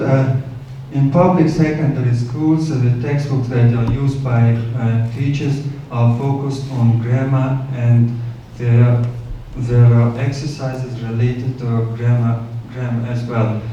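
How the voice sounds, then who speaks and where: A man, an English teacher giving a formal, halting presentation. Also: medium pitch, mellow, slight background noise. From Tajikistan. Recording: dull echoey room, far off.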